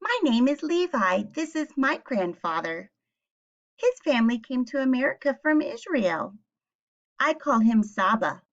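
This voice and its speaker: Her voice sits high and very animated as this teacher reads a picture book to young children at a measured pace, asking easy questions and explaining clearly. The sound is lo-fi.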